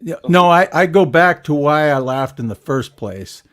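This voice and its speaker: A man's voice: on the high side, expressive, moderate pace, a bit bright. A man, a cartoonist, chatting casually, laughing often and reading his captions aloud. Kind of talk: casual chat.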